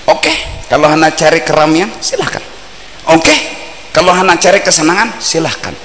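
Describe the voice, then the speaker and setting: This mosque sermon, from an old, worn tape, features a Banjar-accented man at a moderate pace whose pitch swings widely between playful shouts and low, earnest asides. The room sounds large, with slight background noise.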